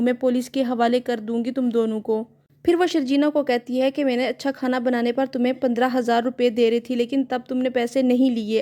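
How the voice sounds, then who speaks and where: A woman narrating a scripted recap of a drama episode in an even, matter-of-fact way. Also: a little high.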